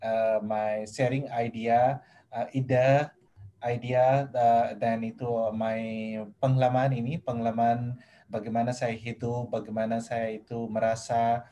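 Nepali-accented man, foreigner speaking halting Indonesian. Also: mid-range voice, flat delivery, mellow, highs cut off. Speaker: podcast guest. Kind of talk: casual interview talk.

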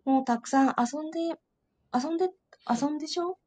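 A warm-hearted storybook mother calls fondly after her wandering little boy, as a woman reading the tale does her voice. The voice sits high and lifts even higher into sweet, coaxing calls. The coaxing runs gently through every line. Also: moderate pace, lightly acted. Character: loving, doting mother calling her young son home.

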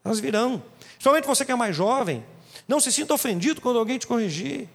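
A male pastor delivers an emphatic sermon, his voice riding high and swinging widely in pitch. He acts out little quotes along the way. The church hall adds a long, trailing reverb. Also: animated, quick pace, vocal fry.

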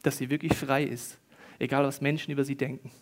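A middle-aged male pastor preaching a sermon, swinging between hushed, intimate tones and loud, excited bursts. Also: medium pitch, fairly quick.

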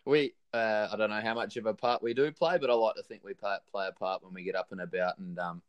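A man's voice: fairly low pitch, steady tone, quick pace, clean tone, lo-fi sound. A man, an enthusiastic guest fan talking casually with lots of fillers. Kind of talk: casual chat.

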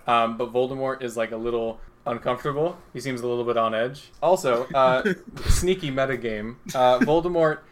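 A man running a tabletop role-play as game master, with a voice of middling pitch. He narrates loosely, full of fillers, pausing to laugh as he goes. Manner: rambling, filler-heavy, laughs often.

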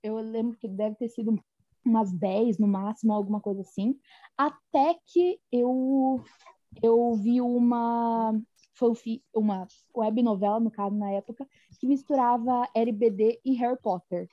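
A woman's voice: on the high side, measured pace, dry recording, lo-fi sound. A woman from Brazil co-hosting a casual podcast chat, talking in a chatty way with many restarts and frequent laughs. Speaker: podcast co-host.

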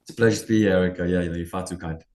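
Racing through his answers with fairly even intonation, a deep, dark-toned man from Sarawak, Malaysian Borneo, speaks as an interview guest. His replies ramble conversationally and lean on "you know" and "sort of," with a roomy echo around him.

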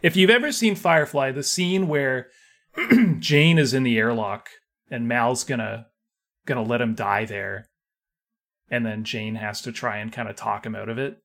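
A man's voice: mid-range voice, normal speed, gravelly, fairly bright tone. Easygoing male podcast co-host, wry. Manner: wry, easygoing, laughs along. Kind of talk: casual podcast banter.

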